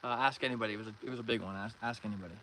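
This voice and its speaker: An angler and livestream host, this friendly Canadian man talks rapid-fire in a fairly low, steady voice that sounds pushed and bright. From a canoe on a pond, he reads and answers viewer comments, welcoming people and thanking them by name. His casual chat competes with noisy outdoor sound from the water and canoe.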